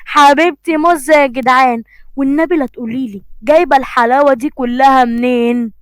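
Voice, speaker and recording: Cocky young Egyptian fiancé, read by a woman, teasing and drawn-out, dry close sound. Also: sits high, steady tone, clean tone, dry recording, close to an everyday voice. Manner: teasing, drawn-out playful talk.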